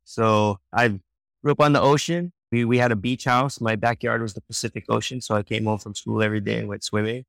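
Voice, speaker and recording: A man in his forties from Hawaii, a children's book author and illustrator, chats easily as a guest in a casual interview. He has a mid-range voice with vocal fry and talks a little fast, relaxed and easygoing, often laughing and restarting sentences, with no room sound.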